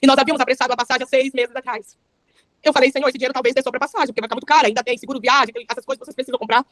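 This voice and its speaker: A woman's voice: high-pitched, fairly even intonation, very fast, fairly bright tone, no echo. A young adult woman with a Brazilian Portuguese accent, giving a fervent testimony sermon with a repetitive preaching cadence.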